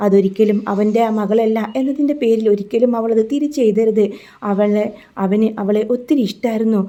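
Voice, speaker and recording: A woman reads the part of a grieving old grandfather, remorseful and pleading, in a storybook retelling. The voice is very dark and mellow, and it speaks slowly with a heavy heart. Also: on the high side, close to an everyday voice.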